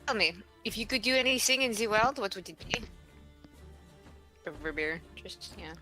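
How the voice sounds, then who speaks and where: A woman's voice: medium pitch, expressive, normal speed, pushed and bright, soft background music. A woman voicing a bold adventurer with a metal arm, asking probing questions in a casual way.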